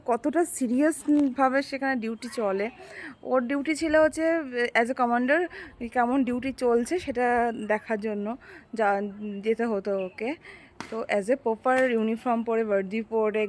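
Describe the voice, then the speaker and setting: Soft-spoken unwell young woman outdoors. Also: fairly high pitch, unhurried, a little hiss or hum. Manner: quiet and subdued, with many hesitations. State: unwell, speaking softly. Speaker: vlogger. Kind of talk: casual vlog chat. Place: sitting outdoors.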